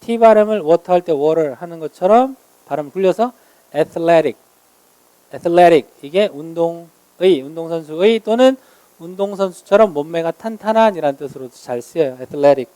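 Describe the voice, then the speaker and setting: High-voiced, mellow male English teacher. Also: expressive, dry recording. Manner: explains pronunciation and meanings step by step, slows down to model English words. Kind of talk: vocabulary lecture.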